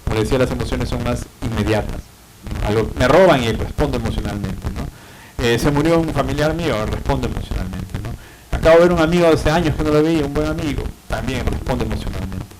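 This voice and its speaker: A man with a Peruvian Spanish accent delivers a university lecture at a middle pitch. He explains patiently, padding his points with fillers and tag questions. Clear background noise runs under the recording. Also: expressive, fast. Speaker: psychiatry lecturer.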